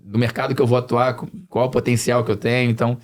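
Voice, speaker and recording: A financial planning expert appears as a podcast guest, speaking fast and flat at a medium pitch. His Brazilian Portuguese accent carries a slight European Portuguese mix, and he talks conversationally, repeating phrases for emphasis.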